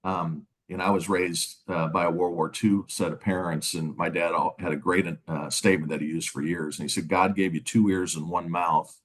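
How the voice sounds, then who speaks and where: A man's voice: sits low, steady tone, moderate pace, few pauses. A middle-aged man, a sales executive, speaking in a casual conversational way on a webinar panel. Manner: conversational, folksy, with fillers.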